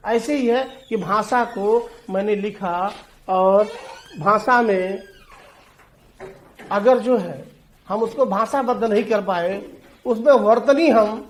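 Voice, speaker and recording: A man's voice: high-pitched, echoey room. A male teacher giving an exam-prep lecture on essay writing, explaining with everyday examples and speaking straight to his students. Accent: Hindi.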